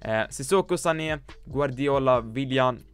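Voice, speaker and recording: A man's voice: mid-range voice, smooth. Blunt, joking Swedish-speaking gamer man. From Sweden. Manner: blunt, joking, swears often, mixes English slang. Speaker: gaming YouTuber reviewing viewers' teams. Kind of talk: casual commentary. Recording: faint music behind.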